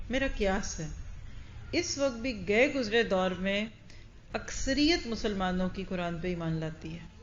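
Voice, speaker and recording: An earnest woman preaches to a crowded hall and keeps putting questions straight to her listeners. The recording sounds dull and lo-fi, with a faint hiss underneath. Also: medium pitch. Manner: earnest, direct, addresses the audience with questions. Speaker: Quran teacher. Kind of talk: religious lecture to a live audience. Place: large gathering hall.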